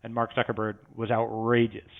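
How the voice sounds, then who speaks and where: Relaxed man on slightly dull audio. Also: fairly low pitch, brisk. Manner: relaxed, conversational, jokey. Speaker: podcast guest, company CEO. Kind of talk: casual podcast chat.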